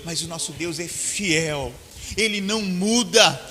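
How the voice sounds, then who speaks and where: A man preaching a sermon as pastor, swinging between quiet and loud passages. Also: unhurried. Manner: preaching with big swings in pitch and loudness. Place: church hall. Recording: church hall reverb with faint hiss.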